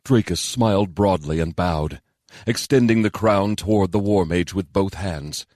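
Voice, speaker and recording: A man narrating a fantasy novel in a steady, measured storytelling voice on a close studio mic. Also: low voice, no room sound. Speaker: audiobook narrator.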